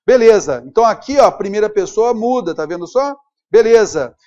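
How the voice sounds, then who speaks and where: A man's voice: high voice, animated, fairly quick, a little mellow. A man with a Brazilian Portuguese accent teaching a grammar lesson at a whiteboard, upbeat and checking in with his students. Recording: dull lo-fi recording.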